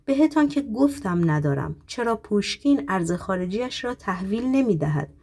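A woman's voice: medium pitch, lively intonation, a little mellow, husky. A woman reading an audiobook, voicing a terrified older man who pleads that he is innocent. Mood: panicked. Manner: frightened, pleading.

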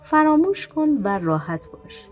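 A woman reading aloud plays a gentle, motherly woman in a storybook, reassuring and calming as she talks. Her voice sits somewhat higher and softer than the narration. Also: soft background music. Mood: soothing. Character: kind, soothing middle-aged woman.

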